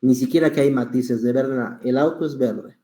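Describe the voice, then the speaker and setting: A man, a public speaking instructor teaching an online class, patient and explaining with examples while deliberately varying pace and volume. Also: mid-range voice, fairly even intonation, mellow, echoey room.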